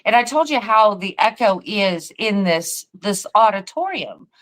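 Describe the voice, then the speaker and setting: A woman's voice: mid-range voice, expressive, unhurried, a bit bright, poor audio. A tired woman co-hosting a paranormal podcast, telling a rambling story full of fillers and restarts. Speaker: podcast co-host and paranormal investigator. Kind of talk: casual chat.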